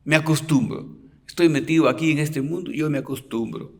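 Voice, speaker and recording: A man's voice: on the high side, a little fast. A man who is a priest, giving a retreat sermon as a storyteller. He often adds a questioning "¿verdad?" and drops to a near whisper at touching moments. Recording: long reverb of a large hall.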